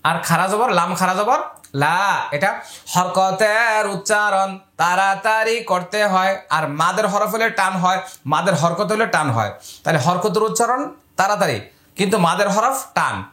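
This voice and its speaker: A man teaching Quran reading in Bengali, spelling out letters and vowel marks and drawing words out slowly in recitation. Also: sits high, lively intonation, pushed and bright. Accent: Bangladeshi Bengali. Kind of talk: step-by-step recitation lesson. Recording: echoey room.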